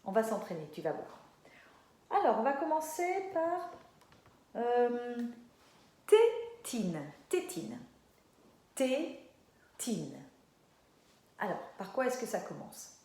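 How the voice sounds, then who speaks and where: A woman teacher leading a lesson for young children, stretching words slowly and praising often. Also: fairly high pitch, sing-song, mellow, roomy sound. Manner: slow, drawn-out syllables, encouraging.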